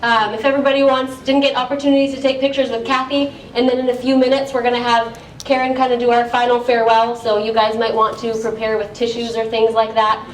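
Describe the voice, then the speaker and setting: A woman's voice: fairly high pitch, level tone, quick pace, slight background noise. A woman organizing a retirement party, making light, friendly announcements to the guests. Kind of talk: casual announcements to a crowd. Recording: echoey room from far off, crowd chatter.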